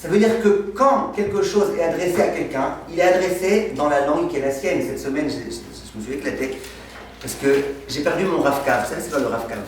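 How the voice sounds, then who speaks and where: A man teaching a lively, humorous class as a rabbi, asking the students questions and answering them himself as he tells anecdotes. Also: a little high, brisk, slight background noise. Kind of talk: lively Torah lesson with humor. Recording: echoey room, mic far off.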